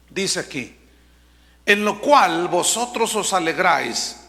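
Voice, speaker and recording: High, bright-voiced preaching man. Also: animated, in a large hall. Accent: Mexican Spanish. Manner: emphatic, drawn-out preaching with sudden drops to a hush. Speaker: pastor. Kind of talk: sermon.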